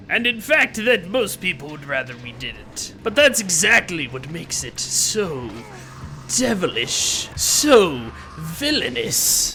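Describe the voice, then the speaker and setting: A smug, self-important villain, as a man puts him on, sneers through his game commentary with hammy theatrical flair. His voice sits high and swoops widely between sarcastic lows and dramatic peaks. The tone is very bright and cutting. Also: full character voice. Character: pompous gloating male demon-scientist villain, self-important. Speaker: let's play host.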